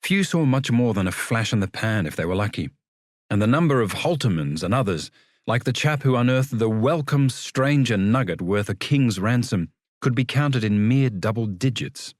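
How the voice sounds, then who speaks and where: A man's voice: medium pitch, lively intonation, moderate pace, dry recording, studio quality. A man reading a literary story as a scripted audiobook narration.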